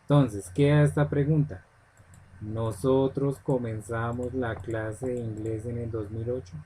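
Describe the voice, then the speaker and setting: A man's voice: mid-range voice, steady tone, a little slow, mellow, a little hiss or hum, low-quality recording. A man teaching English grammar step by step in a screen-recorded lesson, often checking in with "ok?". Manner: patient step-by-step explaining, checks in with "ok?".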